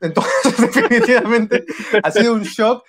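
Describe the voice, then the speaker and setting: High-voiced Peruvian man, effusive co-host. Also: moderate pace, fairly bright tone. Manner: effusive, switching between Spanish and English. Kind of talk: casual live-stream hosting.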